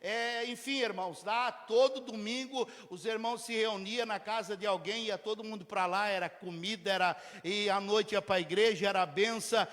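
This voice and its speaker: High-voiced preaching man in a reverberant hall. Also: fairly even intonation, normal speed, few pauses. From Mato Grosso, Brazil. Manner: swings between shouted preaching and quiet storytelling. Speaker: pastor. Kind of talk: sermon. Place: church.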